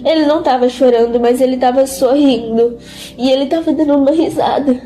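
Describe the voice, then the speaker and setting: A young woman telling of a vision as a personal testimony, halting and repeating words as she describes it. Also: high voice, warm tone, faint music behind.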